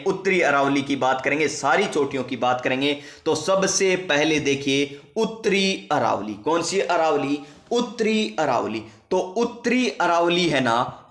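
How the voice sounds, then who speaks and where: A man's voice: a little high, fairly bright tone, echoey room. A male teacher giving an exam-prep geography lesson, asking and answering his own questions and repeating key facts. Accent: Rajasthani.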